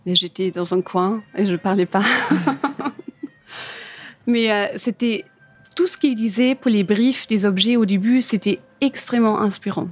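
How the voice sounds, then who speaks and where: Unhurried and pausing often, a woman with a mid-range voice answers interview questions about her own career. She's a furniture designer from Germany, a native German speaker with a German accent, talking casually in imperfect French and often searching for words.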